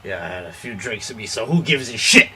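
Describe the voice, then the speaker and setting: A man's voice: fairly low pitch, expressive, a little fast, pushed and bright. A man playing an angry, boastful pro wrestler cutting a profane, ranting promo after a few drinks. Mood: ranting, contemptuous. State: has been drinking.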